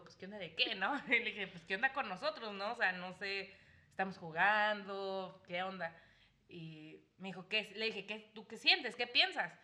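A young Mexican woman telling a story in casual chat, animated, laughing and acting out what people said. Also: mid-range voice. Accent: Mexican Spanish.

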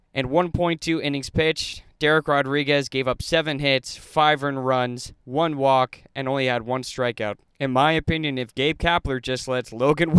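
A man's voice: on the high side, a bit bright, clean tone, no echo. A man hosting a solo sports podcast, opinionated and getting fired up as he breaks down the games.

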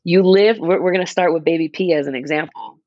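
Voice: medium pitch, fairly quick, darkish tone, no room sound, dull audio. A person in their mid-twenties chatting casually on a podcast, rambling and restarting as they explain an idea. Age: 20s. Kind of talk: casual chat.

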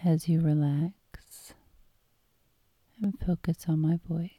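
A woman guiding a hypnosis meditation in a calm, soothing tone, soft and breathy, often close to a whisper. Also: sits low, takes it slowly, no room sound. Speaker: hypnosis guide.

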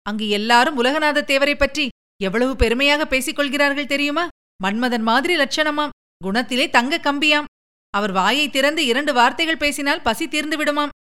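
A woman's voice: high voice, normal speed, bright, forceful tone, voice pushed up. A woman voicing a protective, fond old nursemaid who talks in a coaxing, gossipy way.

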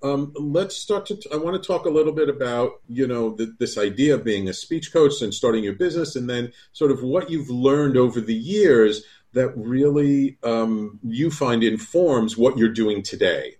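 A man hosting a live talk radio show, speaking in a relaxed way with plenty of ums and restarts. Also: mid-range voice, moderate pace, few pauses. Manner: relaxed, hesitant fillers.

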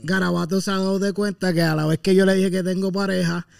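Gravelly-voiced casual podcast co-host. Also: male voice, high voice, fast talker. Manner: relaxed, mixes English words into Spanish.

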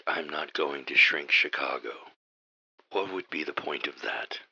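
Very deep, menacing theatrical villain mastermind. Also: male voice, unhurried, sharp tone, breathy edge, lo-fi sound, exaggerated voice. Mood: exasperated. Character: pompous, exasperated male villain mastermind of evil professorial henchmen. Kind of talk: comic radio drama acting.

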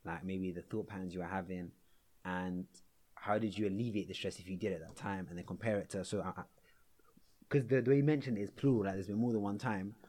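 A man's voice: low-pitched, steady tone, fast talker, dark tone. A young man hosting a casual chat, probing with questions and often repeating his words. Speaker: podcast host. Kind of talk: casual conversational interview.

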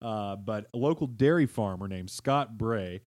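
A man's voice: lowish voice, measured pace, no echo, studio quality. A man hosting a comedy podcast, telling folklore stories with lots of swearing and laughter. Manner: swearing, laughing, animated storyteller. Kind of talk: casual comedic storytelling.

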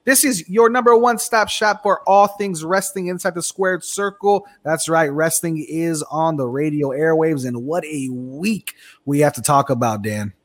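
Higher-pitched American man hosting sports talk radio. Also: unhurried, hardly any pauses. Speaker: radio show host. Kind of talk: animated casual sports talk.

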